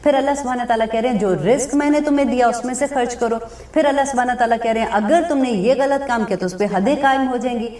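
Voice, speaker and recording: A fairly high-voiced woman teaches scripture, pausing to translate each phrase in a slow, deliberate way. Her voice sounds roomy and comes from some distance away from the microphone. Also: darkish tone. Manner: explains with everyday examples. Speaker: Islamic speaker. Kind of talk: religious lecture with Quran commentary.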